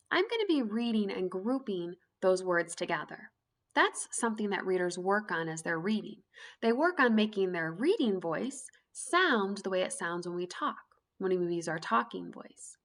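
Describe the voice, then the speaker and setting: A woman teacher giving a reading lesson to young children, speaking slowly and clearly in an encouraging way. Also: mid-range voice.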